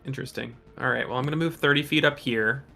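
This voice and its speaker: A man playing a tabletop role-playing game, calmly talking through his character's moves step by step. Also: mid-range voice, fast talker, vocal fry, faint music behind. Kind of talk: casual tabletop game talk.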